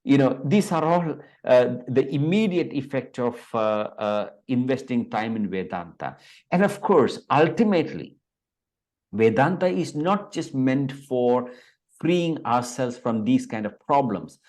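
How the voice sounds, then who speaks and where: A man in his fifties from India talks as a Vedanta teacher in an interview over a video call. He speaks hesitantly, with many fillers and restarts, in a voice of middle pitch. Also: expressive, a little slow, a little mellow.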